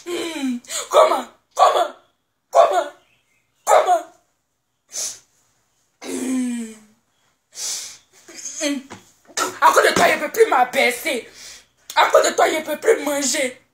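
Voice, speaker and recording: Woman doing a fussy pregnant young wife, high voice, echoey room, fires off questions. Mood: wailing. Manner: scolding, rapid-fire questioning. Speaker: comedian. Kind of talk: comedy sketch monologue.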